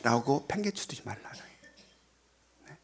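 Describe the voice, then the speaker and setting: A man preaching a sermon as pastor, repeating key phrases and swinging between loud emphatic lines and whispered asides. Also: medium pitch, big pitch swings, a little slow.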